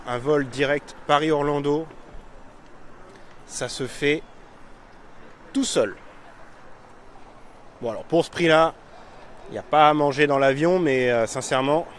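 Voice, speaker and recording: Chatty self-mocking man vlogging outdoors. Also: a little high. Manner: chatty, self-mocking, many fillers and restarts. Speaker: vlogger showing a town on a live stream. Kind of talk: casual live vlog. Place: outdoors on a town street. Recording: faint street noise outdoors.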